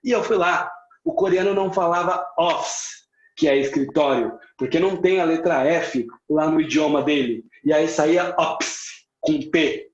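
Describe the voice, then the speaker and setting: An English lesson from a Brazilian man with a Brazilian Portuguese accent: fairly high-pitched, normal speed, emphatic and motivational. He repeats things for emphasis and sprinkles in English words, and the sound is echoey and a little muffled.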